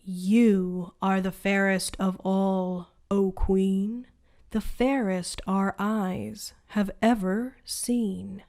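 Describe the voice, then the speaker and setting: A solemn magic mirror from a bedtime storybook, put on by a woman reading aloud. It speaks its verses at a crawling, measured pace, in a voice set a little back from the listener. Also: mid-range voice, little pitch movement, darkish tone. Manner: slow, measured recitation.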